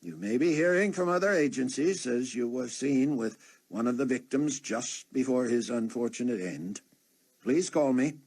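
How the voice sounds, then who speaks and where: A man voicing a formal, measured police captain in an audiobook. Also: mid-range voice, lively intonation, a little mellow, breathy edge, voice pushed up. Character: formal, stiff middle-aged police captain.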